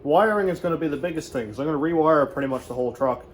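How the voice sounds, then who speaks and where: A man's voice: a little high, rapid-fire. Rambling man in the wind. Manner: relaxed, rambling with fillers. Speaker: car builder vlogger. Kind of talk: casual shop vlog. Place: outdoors in wind and in a garage shop. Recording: noisy outdoor wind and traffic.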